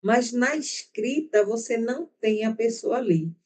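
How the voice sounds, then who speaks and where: A woman's voice: on the high side, a little slow, slight background noise. A woman teacher with a Brazilian accent giving an online class, talking at length and checking in with her students as she explains. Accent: Brazilian Portuguese. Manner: chatty, explains at length with frequent "né?" and "tá?".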